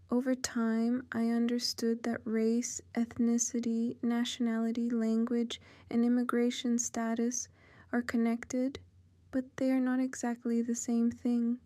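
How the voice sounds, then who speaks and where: Woman in her fifties, Ukrainian accent, very even delivery, mellow smooth tone, dry close sound. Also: on the high side, no room sound. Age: 50s. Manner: measured, plain and careful sentences. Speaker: interview guest. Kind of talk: oral history interview.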